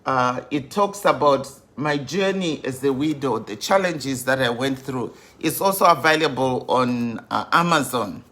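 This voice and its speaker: A woman in her fifties, a grief coach hosting a live stream, welcoming viewers over and over in an unhurried way with many fillers. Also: very deep voice, a bit bright. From Zimbabwe.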